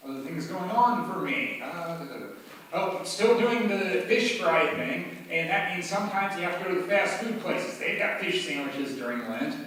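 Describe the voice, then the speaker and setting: A man with an Upper Midwest American accent doing a rambling, halting spoken-word monologue at a bar open mic, full of fillers and dry asides. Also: high voice, expressive, a bit bright, a little hiss or hum. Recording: echoey bar room, mic at a distance.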